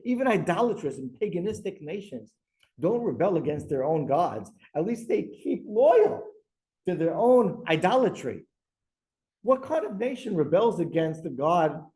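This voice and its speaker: A rabbi with a fairly high-pitched, darkish voice delivers a Torah class lecture on a low-quality recording. He speaks emphatically, poses rhetorical questions, and weaves Hebrew verses into his English explanation.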